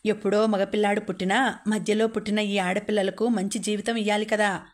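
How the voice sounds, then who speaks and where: A resolute young mother from an audiobook, calm and steady when pushed, read by a woman narrator. She speaks in a level, even voice. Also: mid-range voice, fairly quick, natural voice.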